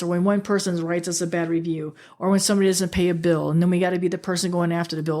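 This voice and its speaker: A woman's voice: on the low side, a little mellow. A woman in her sixties hosting a podcast, speaking earnestly to listeners as her friends and repeating key phrases in a motivational monologue. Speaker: podcast host.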